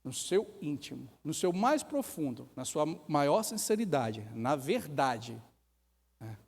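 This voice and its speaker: A Brazilian man preaches in a church, his voice sitting a little high for a man. He drives his points home with rhetorical questions and brief acted-out quotes. A long reverb from the hall trails behind each phrase. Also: big pitch swings, slow pace, vocal fry, a little mellow, breathy edge. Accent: Brazilian Portuguese. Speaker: pastor. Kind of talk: sermon.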